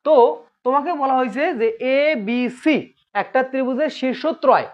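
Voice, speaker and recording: A man's voice: extremely high pitch, normal speed. Patient man teaching math. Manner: patient, asks students questions and repeats points. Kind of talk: classroom math lesson. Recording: dull lo-fi recording.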